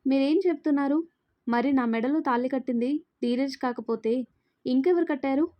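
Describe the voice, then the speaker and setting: A woman's voice: sits high, normal speed, warm tone, natural voice. A woman voicing a frightened young woman in a spoken story, pleading and crying out in distress. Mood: confused.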